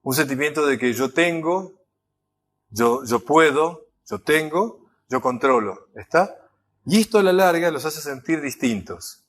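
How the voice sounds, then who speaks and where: A man with a Rioplatense accent gives an animated, conversational lecture. He keeps checking that the audience is following him. His voice sits fairly high for a man. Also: measured pace. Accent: Rioplatense Spanish. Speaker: enneagram lecturer. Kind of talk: recorded lecture.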